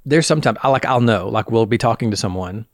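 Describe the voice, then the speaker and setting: A man's voice: fairly low pitch, animated, fast talker, no echo, clean studio sound. A man with an Alabama Southern accent, hosting a casual podcast chat in an easygoing way. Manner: easygoing, laughs along. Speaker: podcast host. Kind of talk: casual conversation.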